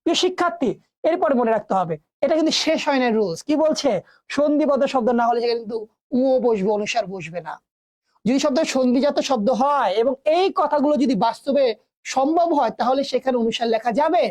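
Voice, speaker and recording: A woman's voice: sits high, animated, fast, a little mellow. A woman teaching a grammar lesson online, who asks her students questions and answers them herself, repeating key words for emphasis.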